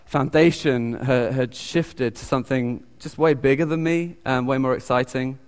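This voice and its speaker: A lay preacher from the United Kingdom gives an informal sermon in a church hall and takes questions from the audience, his clean voice carrying a long, echoing reverb. His pitch is mid-range for a man. He talks haltingly, with frequent ums and restarts while he hunts for words.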